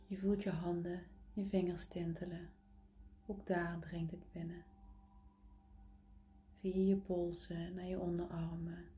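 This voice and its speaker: In this guided relaxation meditation, a woman's fairly low, level voice stays soft, breathy and partly whispery, intimate as if right in your ear and soothing with gentle pauses. Slight background noise is present.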